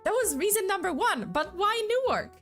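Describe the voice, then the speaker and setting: A young woman with a very high, very animated voice rambles through a casual live-stream chat at a moderate pace, packing in lots of fillers. She isn't a native English speaker and has a slight mixed accent. Soft music plays in the background.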